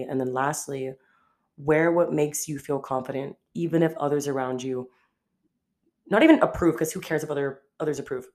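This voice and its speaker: A young woman hosting her own podcast, chatting casually and quickly and peppering her talk with "like". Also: extremely low pitch, a little mellow. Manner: chatty, fast, heavy use of "like". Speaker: podcast host. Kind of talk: casual solo podcast chat.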